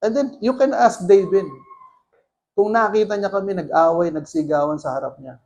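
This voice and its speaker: A man's voice: high-pitched, moderate pace, darkish tone. A man preaching as pastor, mixing Tagalog and English and putting rhetorical questions to the congregation. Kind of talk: sermon.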